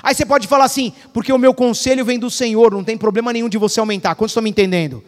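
High-voiced Brazilian preacher in a hall. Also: male voice, fairly even intonation, racing. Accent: Brazilian Portuguese. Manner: storytelling preacher, acts out dialogue, swings loud and soft. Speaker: pastor. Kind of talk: sermon.

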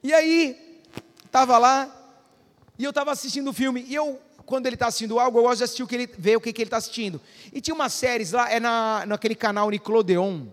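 A man's voice: extremely high pitch, fairly even intonation, fast. A middle-aged man pastor preaching a conversational sermon, often asking the congregation if they follow. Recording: long hall reverb.

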